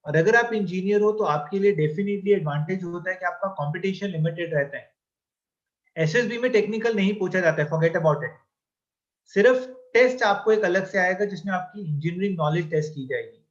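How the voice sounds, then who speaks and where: Blending Hindi and English, a man teaching an exam-coaching class speaks fairly quickly in a high voice, affectionately calling students "beta" and frequently checking in with them. The audio has its high frequencies cut off.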